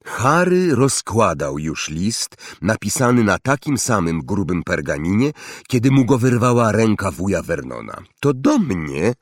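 A man reading a novel aloud as an expressive audiobook narrator, with a dramatic, animated delivery. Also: lowish voice, unhurried, no room sound, studio quality.

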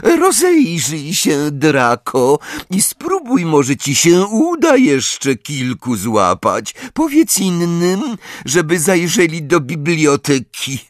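A man's voice: a little high, sing-song, slow, no room sound, clean studio sound, voice pushed up. A man voicing a triumphant middle-aged woman teacher who gushes with breathless delight. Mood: commanding.

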